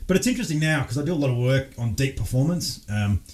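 Australian man, ex-fighter pilot guest, animated storyteller, frequent laughs and restarts, medium-pitched voice. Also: quick pace, slight background noise. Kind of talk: casual storytelling interview.

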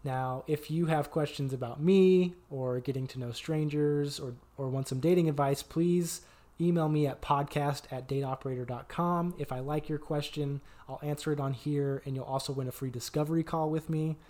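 A man's voice: on the high side, steady tone, moderate pace, mellow. A man hosting a podcast, giving an upbeat, promotional outro as a dating coach.

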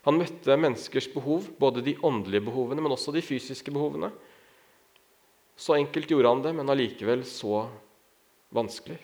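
A man preaching as a pastor, telling stories and lifting his voice when he acts out shouting figures. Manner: storytelling, raises pitch when acting out shouts. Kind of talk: sermon.

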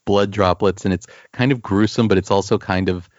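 Slow-spoken man with a dull, dry sound. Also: on the low side, fairly even intonation, dry recording. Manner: enthusiastic, often repeats words while searching for phrasing. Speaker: podcast co-host discussing comics. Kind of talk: casual chat.

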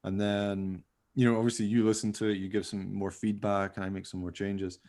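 A podcast host who also produces amateur radio plays chats casually and enthusiastically about making a radio play, rambling as he goes. His voice is fairly low, with little pitch movement, a brisk pace and a slightly mellow quality.

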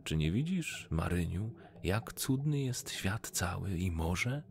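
A man voicing a gentle, dreamy poor fisherman who speaks softly and pleads, lifted above his own voice. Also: low-pitched, big pitch swings, slow pace, creaky, slight background noise, voice pushed up, full character voice.

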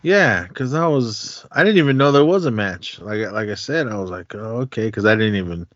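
A man's voice: fairly low pitch, animated, moderate pace, a bit bright, no echo. A middle-aged man co-hosting a podcast in casual, laid-back, slangy chat. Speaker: podcast co-host. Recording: dull lo-fi, dry close sound.

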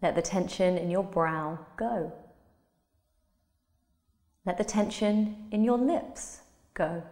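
A woman guiding a relaxation visualization in a slow, soothing, soft-spoken manner. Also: fairly low pitch. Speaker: meditation guide. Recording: roomy with long reverb.

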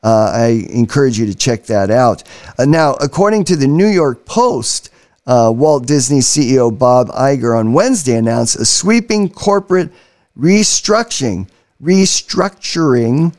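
Emphatic American talk-radio host. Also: male voice, mid-range voice, very animated, measured pace, a little mellow. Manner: emphatic, repeats key phrases, acts out quotes. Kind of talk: political commentary monologue.

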